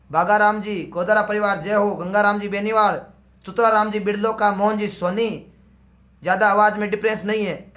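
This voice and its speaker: A man's voice: sits high, a bit bright. A man with a sore, strained throat, hosting a live stream and greeting viewers by name one after another. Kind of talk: live stream chat, reading out viewer comments.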